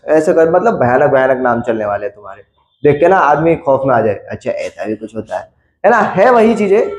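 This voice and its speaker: Male chemistry teacher, blunt and scolding, slightly high voice, echoey classroom. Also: darkish tone. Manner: blunt, scolding, addresses students casually. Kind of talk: classroom lecture. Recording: echoey room.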